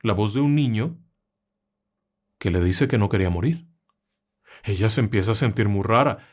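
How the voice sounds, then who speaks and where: A man narrating a horror story in a conversational, dramatic way, with asides to the listener. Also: on the low side.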